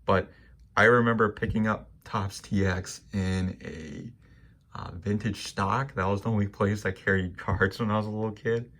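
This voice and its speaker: A young man casually talking through his sports card pickups, relaxed and rambling with plenty of fillers. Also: lowish voice, normal speed. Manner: relaxed and rambling, many ums and likes. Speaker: sports card collector vlogger. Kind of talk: casual monologue showing cards.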